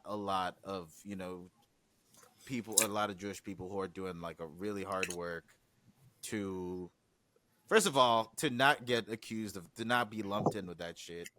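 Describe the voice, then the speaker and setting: A man's voice: lowish voice, unhurried, background noise. A man talking as a guest on a podcast in loose, profane conversation, with frequent restarts and acted-out quotes. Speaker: guest, music producer.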